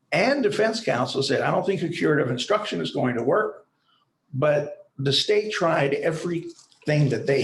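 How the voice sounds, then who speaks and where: A man's voice: fairly high pitch, roomy sound, slight background noise, low-quality recording. A man arguing for the state in an appellate court, persistent and argumentative. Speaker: attorney for the state.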